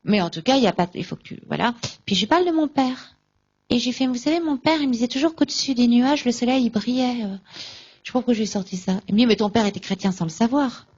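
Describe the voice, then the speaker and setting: A woman giving a personal faith testimony at a conference, recounting events with lively acted-out dialogue. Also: fairly high pitch, quick pace, husky, muffled recording. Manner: lively, acts out remembered dialogue.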